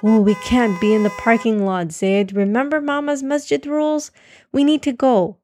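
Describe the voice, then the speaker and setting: A woman's voice: a little high, fairly even intonation, normal speed, darkish tone, dry recording, clean studio sound, soft background music, lightly acted. A woman voicing an eager, bossy, chatty little girl in a children's storybook. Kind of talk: storybook reading.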